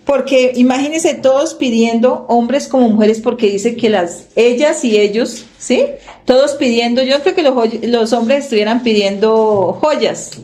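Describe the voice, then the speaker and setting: Woman preacher, higher voice with a warm, mellow tone, explains verses patiently and checks that listeners follow. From Colombia. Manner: reads scripture slowly and emphatically. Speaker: congregation teacher. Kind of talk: Bible teaching sermon.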